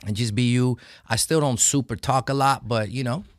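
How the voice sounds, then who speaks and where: A man's voice: mid-range voice, normal speed, no echo. Young man, from the Netherlands, rapper guest, laid-back chat, dry close sound. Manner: laid-back, lots of "you know what I'm saying". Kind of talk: casual interview chat.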